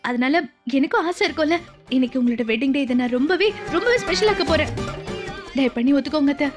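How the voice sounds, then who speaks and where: A stubborn, playful young daughter-in-law in a TV serial, coaxing and pleading without letup. Her voice is very high and she talks quickly. Background music runs clearly under her. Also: lively intonation. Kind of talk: TV serial acting. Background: background music score.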